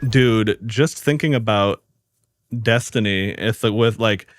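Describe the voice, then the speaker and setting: A man giving casual live commentary as he plays a video game, calling out quick warnings to teammates. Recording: game music behind the voice. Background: game music and vehicle rumble.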